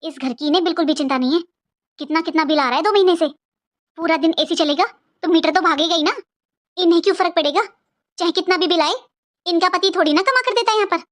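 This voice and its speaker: A woman's voice: extremely high pitch, quick pace. A woman voicing a scheming, bossy young sister-in-law in a cartoon, nagging and taunting. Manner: nagging, taunting, sharp-tongued. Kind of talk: cartoon voice acting.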